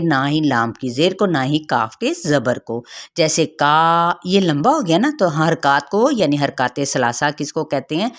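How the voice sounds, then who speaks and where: A woman teaching a tajweed lesson, patiently explaining recitation rules step by step and often checking in with her listeners. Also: sits low.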